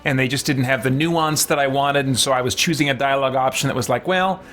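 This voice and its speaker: Over background music, a man hosts a game let's-play, speaking quickly in a medium-pitched, slightly bright voice. He chats casually and reflectively to viewers, thinking aloud in hesitant, looping, qualified sentences.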